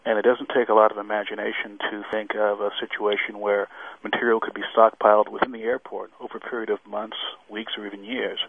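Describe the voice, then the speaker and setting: A man's voice: fairly low pitch, level tone, quick pace, creaky, no room sound. A man giving expert commentary as a radio interview guest, explaining formally with examples over a narrow phone-like line. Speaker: airline safety expert guest. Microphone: remote line into radio show.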